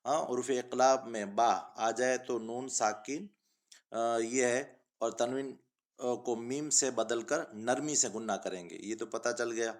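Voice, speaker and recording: A man teaching a Quran recitation lesson. He explains each rule briskly, then stretches out words in slow recitation for the student to repeat, and patiently calls the student 'child'. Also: medium pitch. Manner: patient, addresses student as child. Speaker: Arabic and Urdu teacher.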